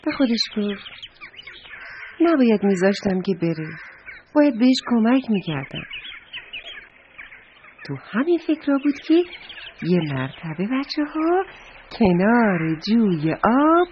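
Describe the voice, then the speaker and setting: A woman's voice: medium pitch, slight background noise. A woman narrating a children's story, talking directly to the children listening. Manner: warm, addresses the children directly. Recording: dull lo-fi recording.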